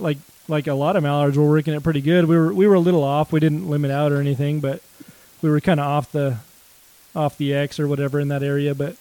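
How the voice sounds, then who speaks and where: A man's voice: on the high side, warm tone, no room sound, poor audio. A man in casual chat about hunting, rambling with many restarts and calling his friend dude. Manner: rambling, lots of fillers and restarts, says dude.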